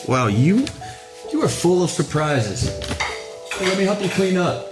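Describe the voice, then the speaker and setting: Ein Mann spielt einen gutmütigen, verlegenen Trucker. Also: male voice, sits high, big pitch swings, unhurried, over loud music. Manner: bashful, joking, self-deprecating. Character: kind, humble, goofy male trucker. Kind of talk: audio drama acting.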